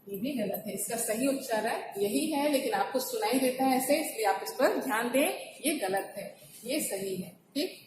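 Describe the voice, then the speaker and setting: A woman's voice: fairly high pitch, normal speed, recorded from a distance, background noise. A woman teaching a Hindi pronunciation lesson. She explains step by step and often asks a question, then answers it herself. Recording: echoey room, voice from off-mic.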